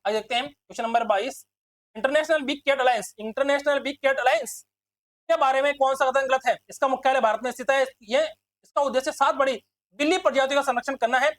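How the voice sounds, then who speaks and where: Rapid-fire, high-voiced male teacher. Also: fairly even intonation, a bit bright, no echo. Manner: fast, repetitive, keeps addressing listeners as friends. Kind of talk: rapid-fire exam quiz lesson.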